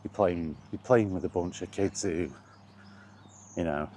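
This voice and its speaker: A British man rambles casually about gaming in a wry, colloquial way, like a solo vlogger thinking out loud. His voice sits low and is unhurried and a little mellow, with a little hiss or hum in the background.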